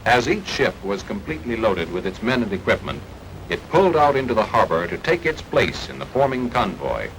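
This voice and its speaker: A low-ish, sing-song male voice with a brisk pace and fairly bright tone narrates a 1940s wartime propaganda film in the style of a newsreel documentary. This American reads from a script, formal, declamatory and emphatic. The archival soundtrack is noisy, typical of 1940s film.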